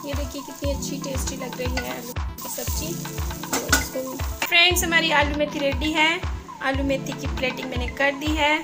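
A woman's voice: sits high, steady tone, moderate pace. A woman with an Indian accent, narrating a home cooking vlog step by step and dropping in English phrases. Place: home kitchen. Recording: loud background music.

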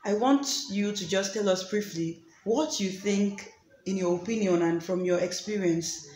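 A woman's voice: medium pitch, a little slow, darkish tone. A woman hosting her own channel, talking casually with many fillers and restarts. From Nigeria. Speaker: vlogger and host. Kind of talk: casual chat. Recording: echoey room with faint noise.

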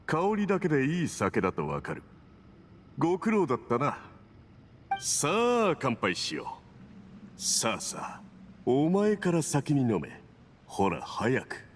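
Smug villain diplomat, anime game, middle pitch, very animated intonation, insinuating, condescending, faint background ambience. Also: male voice, unhurried, long pauses, slight background noise. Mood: smug, hospitable. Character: smug, domineering adult male foreign envoy villain.

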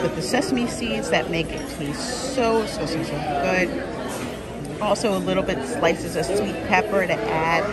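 A young woman chatting eagerly about food in a casual vlog, filmed on a phone at arm's length in a busy restaurant. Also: on the low side. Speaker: food vlogger. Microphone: phone camera at arm's length. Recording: loud restaurant crowd and music. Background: loud crowd chatter and music.

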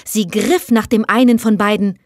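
A woman, an audiobook reader, narrating a fairy tale in a measured, expressive reading. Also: mid-range voice, no echo, clean studio sound. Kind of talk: storybook narration.

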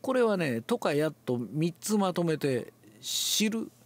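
An older man, relaxed and musing aloud, explains a classical Japanese text before reading it aloud and demonstrates with his voice. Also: on the high side, unhurried. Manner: relaxed, talks to himself, demonstrates accents aloud. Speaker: reading teacher.

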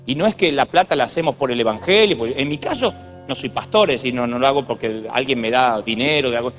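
A man's voice: mid-range voice, quick pace, a bit bright, soft background music. A man in his thirties with an Argentine accent, giving a humorous, digressive sermon full of stories. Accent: Argentine Spanish. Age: 30s. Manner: storytelling, digressive, jokey. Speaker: preacher.

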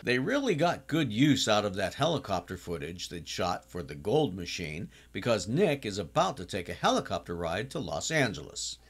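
Older man, sixties, casual episode recap, chatty, lively pitch, occasional exclamations. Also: normal speed, few pauses. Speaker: TV series reviewer.

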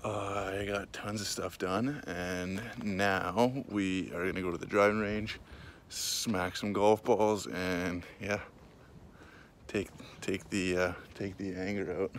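A man's voice: sits low, fairly even intonation, slow, a little hiss or hum. A man hosting a casual vlog outdoors at a golf driving range, joking around and mock-interviewing his friends. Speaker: vlogger.

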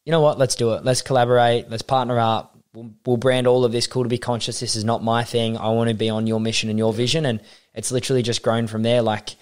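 Australian man telling lively stories. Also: mid-range voice, quick pace, clean tone. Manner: animated storyteller acting out quotes. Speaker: podcast guest, identity coach. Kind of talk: casual interview chat.

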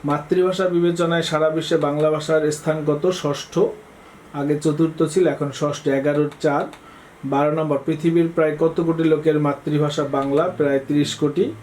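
A man teaching an exam-prep lesson, reading out quiz questions and answering each one briskly, often prompting students to look. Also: fairly high pitch, little pitch movement, a little mellow, slight background noise, low-quality recording.

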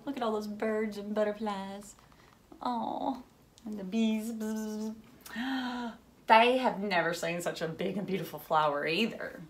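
In a furnished room at home, a thirtysomething woman with a mid-range voice reads a picture book aloud to small children at a measured pace. She brings it to life with dramatic emphasis, gasps, quiet moments, asides, and easy questions to the children.

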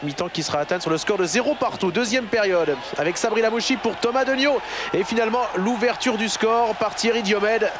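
A man giving football highlights commentary as a TV commentator. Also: fairly quick. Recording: noisy broadcast with stadium crowd. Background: football crowd.

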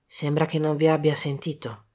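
Woman reading as an older male detective, low voice, hushed, slow and measured, grave, audiobook. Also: level tone.

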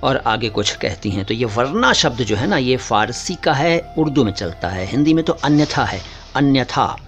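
A man's voice: medium pitch, very animated, normal speed, a bit bright, soft background music. A man teaching word origins in a casual, patient lesson, often repeating key words and calling his viewers brother. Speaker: language teacher.

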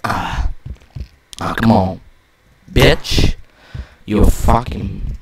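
A young man hosting a let's play, loud and profane, cursing and yelping at every in-game mishap. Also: lowish voice, very slow, background noise. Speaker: gaming channel host. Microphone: desk microphone.

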